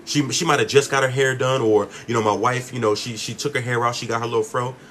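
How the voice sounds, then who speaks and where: A man speaking on a phone livestream at a middle pitch, with a faint hiss behind him. He talks casually but forcefully, emphatic and preachy, pressing every point home. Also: steady tone, fast talker. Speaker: livestreamer answering comments.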